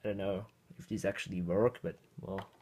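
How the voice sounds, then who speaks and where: Fairly quick and steady in tone, this low-pitched Austrian man rambles to himself as he works on an old computer, chuckling often, with background noise audible. He's a vintage computer hobbyist making a casual, hands-on tech vlog.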